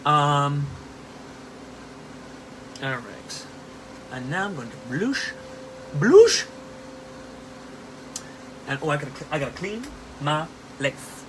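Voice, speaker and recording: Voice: mid-range voice, animated, unhurried, long pauses, bright, forceful tone, slight background noise, low-quality recording. A drag performer bantering casually backstage with a campy, theatrical, teasing manner. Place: backstage dressing room.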